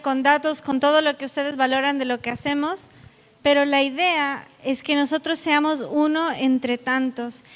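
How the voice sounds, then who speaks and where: A South American woman with a high, fairly bright voice delivers a public lecture, addressing her audience earnestly and directly. She's in a conference hall, and the recording carries a long, echoing reverb.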